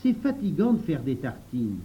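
A demanding little boy in a storybook, raising his voice high and loud as a man puts him on. The audio is a little dull. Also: sing-song, moderate pace. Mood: insistent. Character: impatient, demanding small boy.

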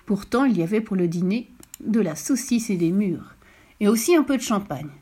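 A woman reading a bedtime story aloud, her voice lively and full of movement as she goes. She tells it gently and expressively, as a storyteller for children. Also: mid-range voice, moderate pace, breathy edge.

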